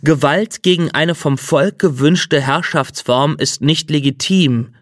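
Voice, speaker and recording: A man's voice: a little high, slow, no room sound, studio quality. A man voicing a cold, insistent middle-aged state official in an audiobook reading. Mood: persuasive.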